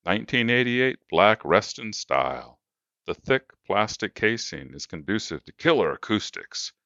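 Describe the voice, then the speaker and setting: A man's voice: fairly low pitch, sing-song, a little slow, pushed and bright, no echo, pitched above the performer's own voice, exaggerated voice. A brash, pushy coffin salesman who rattles off prices with slick patter, as a man puts him on. His voice rises above a plain, dull-sounding dry recording. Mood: salesy. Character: pushy smooth-talking male coffin salesman.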